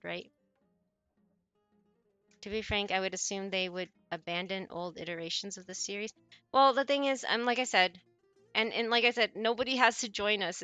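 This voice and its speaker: A woman's voice: mid-range voice, sharp tone, dry recording. A woman in her forties, chatting casually with viewers on her stream, rambling and often correcting herself mid-sentence. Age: 40s.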